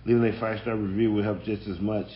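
A man's voice: fairly low pitch, level tone, fast talker, slight background noise. A man hosting a podcast, giving casual, rambling commentary with fillers. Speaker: podcast host. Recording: dull lo-fi audio.

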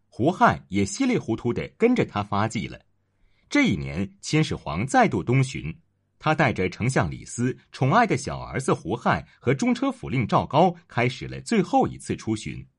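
A man narrating a historical story in an expressive, dramatic storytelling manner. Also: mid-range voice, normal speed, breathy edge.

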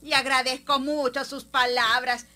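A woman's voice: high voice, level tone, a little slow, bright, forceful tone. A woman with a Honduran accent playing a meek older mother who sighs and pleads, in a radio drama. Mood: pleading. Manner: sighing, pleading.

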